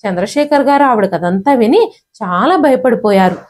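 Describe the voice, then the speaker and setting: A woman's voice: on the high side, animated, moderate pace, a little mellow. A woman reading a scripted family drama story aloud as a storyteller, voicing the characters' lines in her own voice with light shifts.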